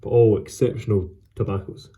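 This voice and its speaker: A man chatting casually as a solo vlog host, with an unhurried, rambling and halting delivery. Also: lowish voice, steady tone, warm tone. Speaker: host of a pipe tobacco vlog. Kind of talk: casual solo chat to camera.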